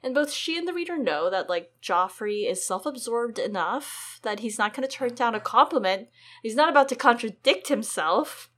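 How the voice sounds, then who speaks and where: Young female co-host, bright and quick, casual book chat. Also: a little high. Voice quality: quick and animated with frequent "like". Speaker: podcast co-host.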